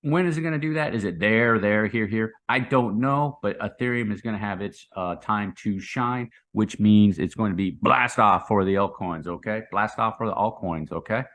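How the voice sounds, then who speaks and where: A man's voice: on the low side, moderate pace, hardly any pauses, a bit bright. A man giving casual, unscripted chart commentary in a hyped, slangy crypto bro manner, rambling and repeating phrases for emphasis. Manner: hyped, slangy crypto bro talk, saying 'man', 'dude' and 'guys'.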